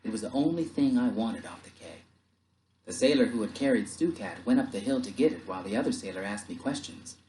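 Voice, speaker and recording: Male audiobook narrator, dramatic and lively, roomy recording. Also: on the low side, a little fast, slight background noise. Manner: expressive, dramatic reading.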